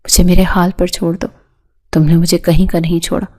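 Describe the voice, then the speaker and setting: A woman's voice: fairly low pitch, flat delivery, darkish tone, lightly acted. A woman reading the lines of a frightened young woman who accuses through tears. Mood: tearful. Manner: tearful, accusing.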